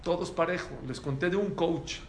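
A man with a Mexican accent giving a religious talk to an audience, telling stories in an animated way and acting out the dialogue. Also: high-pitched, moderate pace, slight background noise. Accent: Mexican Spanish. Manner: animated storyteller who acts out dialogue. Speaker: religious lecturer. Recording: echoey room with faint ambience.

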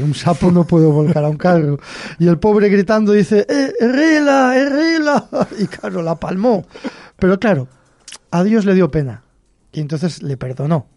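A man with a Cantabrian accent hosts a folklore show, spinning short folk tales in a chatty, folksy manner with many chuckles. His voice is mellow and warm in tone, sitting fairly high. The recording is dry and close. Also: dry recording. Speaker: host. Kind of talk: storytelling folklore podcast.

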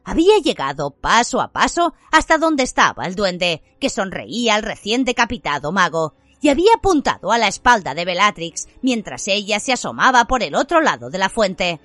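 A woman narrating an audiobook in an expressive, dramatic reading. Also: medium pitch.

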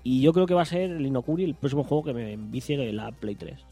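Man, rambling podcast co-host, fast delivery, soft music behind. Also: mid-range voice, animated. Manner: enthusiastic, rambling. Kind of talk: casual gaming chat.

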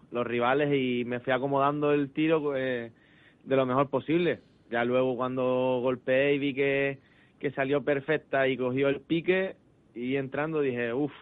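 A man's voice: medium pitch, no room sound. A man from the Canary Islands, a footballer giving casual interview answers over a tinny phone-like line. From Canary Islands, Spain.

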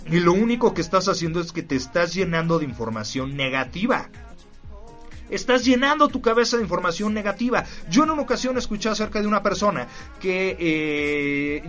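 A man's voice: a little high, fairly bright tone. A man with a Mexican accent hosting a podcast, speaking directly to the listener in a motivational self-help talk and repeating his points for emphasis. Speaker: podcast host. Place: studio recording.

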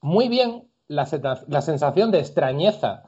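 Man, podcast host, lively, opinionated, slightly high voice, dull lo-fi sound. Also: measured pace, husky. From Andalusia, Spain. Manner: lively, opinionated, argues with examples. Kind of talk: casual discussion.

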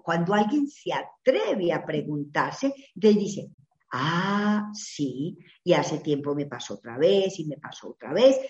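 A woman's voice: fairly low pitch, a little mellow. A woman answering an interview question by telling a parable, giving the characters voices, then explaining her point. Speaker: guest speaker. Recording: echoey, dull lo-fi sound.

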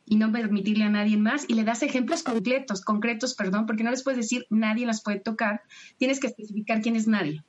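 A woman explains things on a podcast in an animated, laughing way. Her voice sits a bit high. The recording sounds dull and lo-fi. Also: brisk. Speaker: guest sex educator. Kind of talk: podcast conversation.

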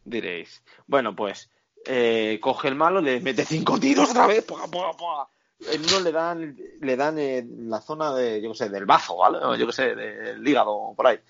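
A man retells a film plot in animated, foul-mouthed casual chat, checking in with the listener every few lines. His voice sits in an ordinary middle range. The recording is slightly dull and lo-fi. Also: mid-range voice, moderate pace, vocal fry. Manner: animated, profane, tags lines with "¿vale?".

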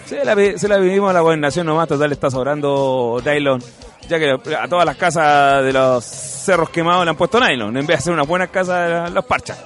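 Chilean male host, high pitch, jokey street-radio chatter, faint music underneath. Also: brisk. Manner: jokey, excitable, calls goals in bursts. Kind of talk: casual street radio chat with play-by-play commentary.

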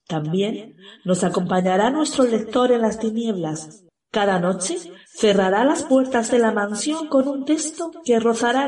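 A woman's voice: medium pitch, dark tone, lightly acted. A woman with a Spanish accent from Spain playing a mysterious, theatrical marquise who hosts a spooky show. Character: mysterious marquise hostess of a haunted mansion. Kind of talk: scripted spooky show introduction. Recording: echoey, distant from the mic.

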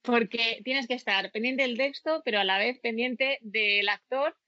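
Woman, voice-acting student, thoughtful and halting, dry lo-fi take. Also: on the high side, sharp tone, no echo. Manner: thoughtful, hesitant with many fillers. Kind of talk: conversational interview.

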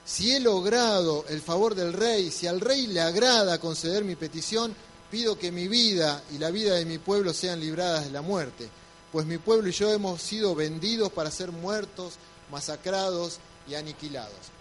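A man's voice: high-pitched, moderate pace, a bit bright, slight background noise. A man giving voice to a pleading queen while retelling a scripture story. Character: pleading queen, grave and formal.

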